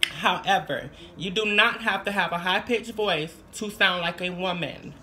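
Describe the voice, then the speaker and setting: Bright-voiced chatty woman vlogger. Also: lowish voice, measured pace, a little hiss or hum. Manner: chatty, repeats phrases for emphasis. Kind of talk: casual tutorial chat.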